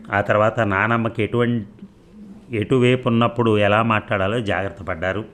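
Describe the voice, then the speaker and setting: A man narrates a serialized novel for an audiobook. His voice sits a little low, and he reads at an even storytelling pace, now and then restarting a word.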